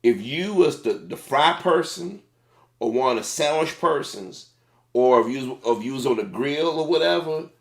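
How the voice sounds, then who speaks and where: A middle-aged man, a former fast food manager, giving casual, plain-spoken commentary on a video. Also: mid-range voice, lively intonation, roomy sound.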